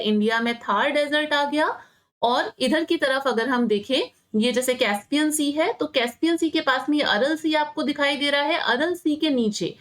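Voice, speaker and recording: A woman with a slightly high voice teaches geography over an outline map. She talks at a patient classroom pace, repeating each place name and posing questions she answers herself, moving between Hindi and English phrases. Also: fairly bright tone. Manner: explains slowly, repeats names, asks and answers own questions, mixes Hindi and English. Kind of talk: online map lesson.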